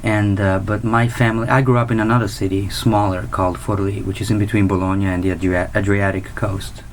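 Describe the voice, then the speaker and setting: Low-voiced man, relaxed. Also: a little hiss or hum, low-quality recording. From Italy. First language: Italian. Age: 30s. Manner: relaxed, unhurried, with restarts. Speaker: guest musician. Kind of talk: casual interview.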